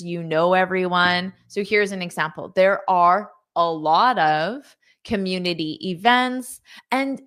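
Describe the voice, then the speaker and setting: A woman's voice: on the low side, a bit bright, clear, resonant tone. A woman teaching English in a live online lesson, reading out viewer comments, repeating words patiently and praising students.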